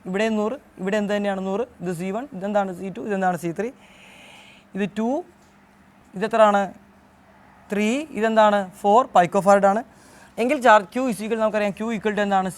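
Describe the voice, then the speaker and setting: A male tutor from Kerala working through an exam answer key, asking questions and answering them himself, with English terms mixed into his explanation. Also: sits high. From Kerala, India.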